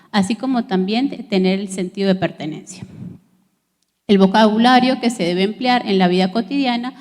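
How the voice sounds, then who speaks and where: A woman's voice: fairly high pitch, darkish tone, in a large hall. A woman teacher giving a recorded class lesson, explaining steadily with frequent fillers and restarts.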